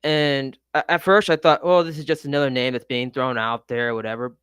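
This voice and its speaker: A man's voice: mid-range voice, steady tone, brisk, fairly bright tone, clear, resonant tone, dry recording. A man co-hosting a casual football chat, chatty with a dry, sarcastic edge. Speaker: podcast co-host.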